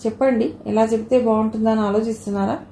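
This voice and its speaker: A woman voicing a hurt, defiant young wife who speaks in a sharp, reproachful way in a narrated audio novel. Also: a little high, fairly even intonation, quick pace, creaky. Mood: bitter. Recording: echoey room, faint hiss.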